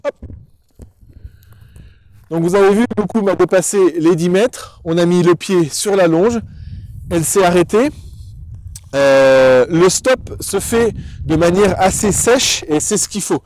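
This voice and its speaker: This man's high-pitched voice has a darkish tone and a slightly slow delivery. He's a dog trainer giving a tutorial, explaining things didactically and speaking straight to the viewer.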